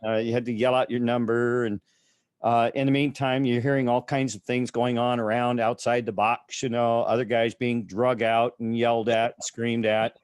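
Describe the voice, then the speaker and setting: A man who is a military veteran, recounting his experiences haltingly with many fillers as an interview guest. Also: mid-range voice, little pitch movement, clear, resonant tone, no room sound, studio quality. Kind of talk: casual interview storytelling.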